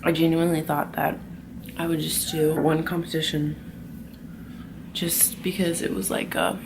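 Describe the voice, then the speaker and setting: A young woman vlogging casually at her night job, talking softly and half in a whisper, swearing now and then. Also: low-pitched, little pitch movement, normal speed, vocal fry, over music, low-quality recording. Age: young adult. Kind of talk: casual confessional talk. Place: group home at night, indoors.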